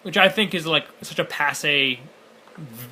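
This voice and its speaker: A man's voice: fairly high pitch, a little slow, sharp tone. A man co-hosting a casual reaction chat about a games showcase, blunt and sarcastic, swearing and stumbling over restarts. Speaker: co-host.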